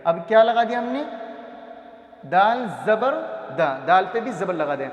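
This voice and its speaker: High-voiced teacher drilling letter sounds. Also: male voice, animated, muffled recording. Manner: drills sounds slowly, asks and answers his own questions. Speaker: Quran reading teacher. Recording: echoey room.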